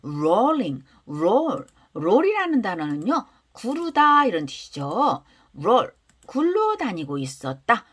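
A woman's voice: on the high side, wildly swooping pitch, slow, fairly bright tone. A woman teaching English through pop songs, explaining lyrics and leading the class in repeat-after-me drills.

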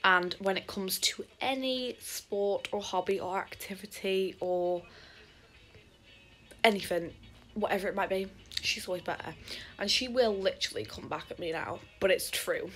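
A woman's voice: mid-range voice, a bit bright. A young woman talking casually to camera in a rambling, self-deprecating vlog about her day. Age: young adult. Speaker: vlogger. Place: at home, then outdoors.

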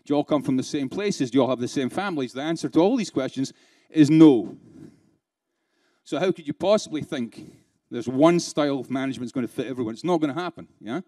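A man's voice: mid-range voice, animated, quick pace, dark tone. A man giving a keynote talk to a live conference audience, peppering them with rhetorical questions and playful asides. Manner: laughs between points, playful. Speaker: keynote speaker.

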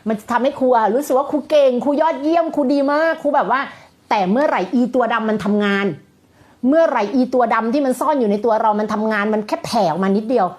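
A woman's voice: fairly high pitch, fast talker, darkish tone. A woman giving a motivational talk as a coach, emphatic and blunt with coarse slang.

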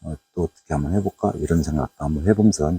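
Middle-aged jeolla-accent guy rambling thru a night fishing vlog outdoors, husky dry voice. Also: rumbling low, fast talker, mellow, dry recording. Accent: Jeolla Korean dialect. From Jeolla province, Korea. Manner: rambling, chatty, frequent "eo" fillers. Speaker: fishing YouTuber. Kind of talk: casual fishing vlog narration.

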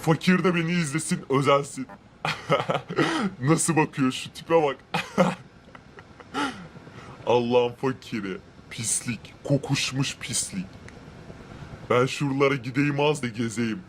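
A man playing an arrogant rich man in a Minecraft role-play, who boasts about his wealth, gloats, and shouts cruel threats. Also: medium pitch, a little slow, a little hiss or hum, lightly acted. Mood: smug gloating.

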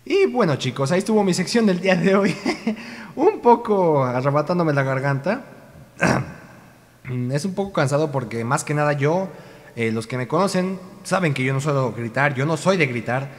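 A man's voice: a little high, lively intonation, moderate pace, big-room sound. A young man with a Mexican Spanish accent, an amateur voice actor rambling in a casual, self-correcting vlog chat on a cheap home microphone.

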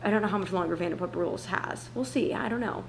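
Fast-talking, with vocal fry and a fairly low pitch, a twenty-something vlogger chats informally to camera about a try-on haul, full of slangy asides. She's in an open-plan home kitchen and living space, recorded on a camera mic a few feet away with roomy echo and noticeable background noise.

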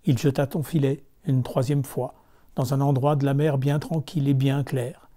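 Man storyteller, fairy tale reading, calm, measured, very mellow dark timbre. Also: mid-range voice.

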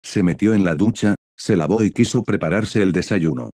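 A man narrating a fan fiction story in an even, matter-of-fact reading. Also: low voice, moderate pace, no echo, studio quality.

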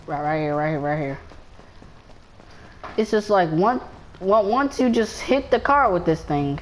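A woman giving casual gameplay commentary, excitable and rambling, often stumbling and repeating her words. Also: low-pitched, slight background noise, poor audio.

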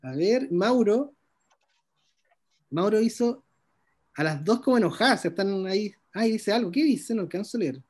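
A man's voice: high-pitched, expressive, moderate pace, long pauses, darkish tone, slightly rough. A man teaching an illustration workshop over a video call, praising students' drawings with lots of enthusiasm and frequent restarts.

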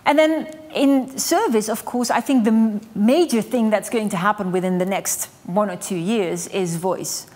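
A woman's voice: mid-range voice, normal speed, hardly any pauses. A middle-aged woman delivering a conference keynote on a studio stage, explaining with energy and the odd "um". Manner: energetic, gesturing, explanatory with light fillers. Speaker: keynote speaker. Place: stage in a dark studio with large screens.

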